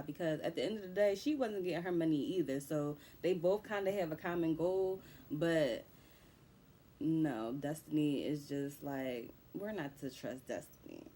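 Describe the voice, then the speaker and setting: A woman's voice: sits low, mellow, a little hiss or hum. A young woman casually recapping a movie plot in loose, profane slang. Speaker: movie reviewer.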